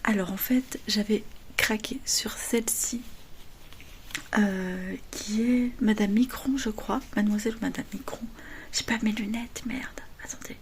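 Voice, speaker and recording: A middle-aged woman chatting casually to her viewers about knitting, speaking softly at home in a hushed half-whisper. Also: mid-range voice, steady tone, a little slow, slight background noise. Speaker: knitting vlogger. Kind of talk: casual chat. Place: home, early morning.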